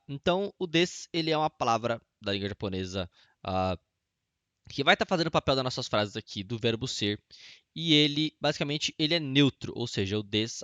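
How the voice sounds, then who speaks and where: A man's voice: mid-range voice, fairly bright tone, no room sound. A young man giving a casual video lesson, chatty and explaining with repeated examples and little jokes. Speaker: Japanese language teacher.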